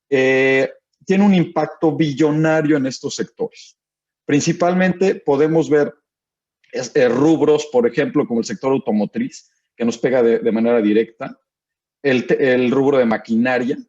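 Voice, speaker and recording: A man's voice: mid-range voice, darkish tone. A man giving a guest presentation in an online webinar, asking rhetorical questions as he walks through slides. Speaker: guest speaker. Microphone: video call. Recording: dull lo-fi call audio.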